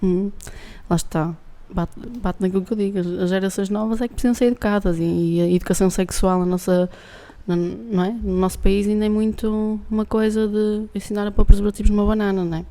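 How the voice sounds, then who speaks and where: A woman's voice: mid-range voice, fairly even intonation, quick pace, few pauses, mellow. A woman with a European Portuguese accent, a guest speaking frankly in casual chat, often adding tag questions.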